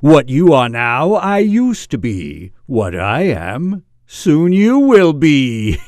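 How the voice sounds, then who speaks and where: A man voicing a menacing skeleton spirit, chanting ominous rhymes in a drawn-out, eerie manner. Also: medium pitch, huge pitch swings, a little mellow, no echo, full character voice.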